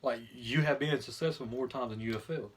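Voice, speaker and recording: A man's voice: medium pitch, brisk, slight background noise. A man chatting casually and giving his opinions bluntly, with some mild swearing, as a video host. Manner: blunt, mildly profane.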